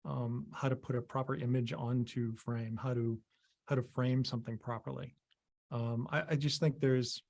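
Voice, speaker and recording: Over a video call, this visual effects artist, a middle-aged Maine man being interviewed, chats casually but falters constantly, full of ums and restarts. His mid-range voice has a dark tone; he keeps clearing his throat as his voice gives out.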